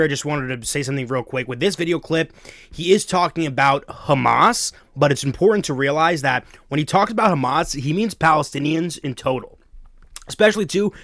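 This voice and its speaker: A man rants through casual reaction commentary with heated, slangy mockery. His voice is bright and forceful and sits a little high. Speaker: online commentator.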